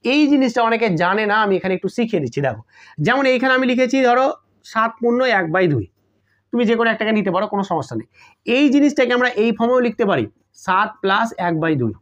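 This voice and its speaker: High-voiced man teaching math. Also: expressive, fast. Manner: explains step by step, repeats key terms, checks "got it?" often. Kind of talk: online exam-prep math lesson.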